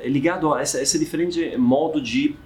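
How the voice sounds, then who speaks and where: Man in relaxed chat. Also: on the high side, a little fast, slight background noise. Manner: thoughtful, hesitant, frequent restarts and tag questions. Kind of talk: casual chat.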